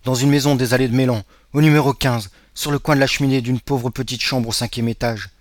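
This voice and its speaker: A man's voice: medium pitch, fairly even intonation, a little fast, dry recording, studio quality, close to an everyday voice. A man reading aloud, voicing a young woman who is breathless with joy in a storybook scene. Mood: earnest.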